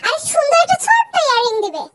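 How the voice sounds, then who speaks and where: A dramatic, jilted young ex-girlfriend, voiced by a woman in a comic fan dub. She speaks very high and loud, repeating herself over the phone. Faint hiss sits behind her. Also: huge pitch swings, very fast, full character voice. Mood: whiny.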